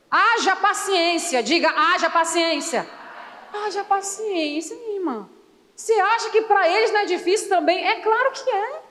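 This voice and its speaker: A Brazilian woman preaching a sermon in church, playful and calling on the congregation to answer back. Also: extremely high pitch. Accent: Brazilian Portuguese. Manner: playful, calls for congregation responses. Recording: long reverb of a church hall.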